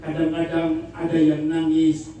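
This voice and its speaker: A male pastor, telling jokes in a lively sermon and asking the congregation for amens. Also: a little high, a little slow. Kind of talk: humorous Christmas sermon. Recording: echoey hall from far off, noisy.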